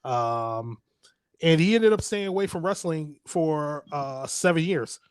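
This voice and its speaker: A man's voice: fairly high pitch, lively intonation, measured pace, clean tone, dry recording. A man, hosting a casual podcast chat, rambling, laughing often and swearing freely. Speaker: podcast host.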